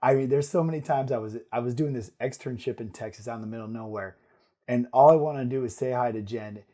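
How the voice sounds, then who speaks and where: A middle-aged man, a guest on a podcast, telling family stories in an animated, casual way with frequent restarts. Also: medium pitch, quick pace. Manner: animated storytelling with restarts and laughs. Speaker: guest, surgeon and father.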